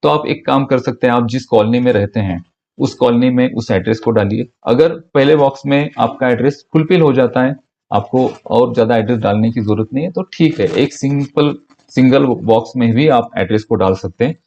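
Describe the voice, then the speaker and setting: Male mentor voice, calm instructional explainer, muffled low-fidelity recording. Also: a little fast, creaky. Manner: patient, step-by-step explaining. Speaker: online business mentor.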